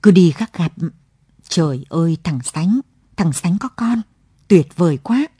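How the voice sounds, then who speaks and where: An eager, half-blind male friend who urges everyone along, heard in a late-night radio story, as a woman narrator reads his part. The voice is husky and close, with a dry sound. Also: lowish voice, expressive, dark tone, no room sound, exaggerated voice. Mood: hearty. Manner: brisk, hearty and urging.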